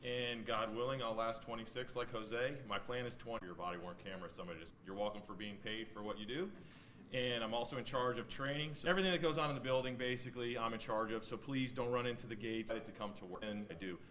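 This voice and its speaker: A man's voice: medium pitch, steady tone, fast talker, fairly bright tone, slight background noise. A middle-aged American man, a senior police officer, giving an informal, plain-spoken, encouraging speech to new recruits. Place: indoor ceremony venue.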